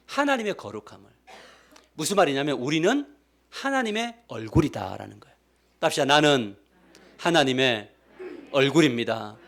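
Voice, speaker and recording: A male pastor giving a sermon, asking his congregation questions as he goes. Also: sits high. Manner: animated preaching, asks the congregation questions. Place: church sanctuary.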